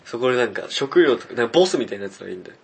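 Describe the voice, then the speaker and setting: A man's voice: mid-range voice, very animated, rapid-fire, creaky, noisy background. A man co-hosting a podcast in casual chat, telling a story with animation and frequent laughter. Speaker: podcast co-host.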